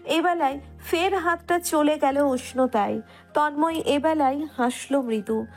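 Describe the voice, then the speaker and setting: High-voiced woman narrating over music. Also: unhurried. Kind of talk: scripted romantic story narration.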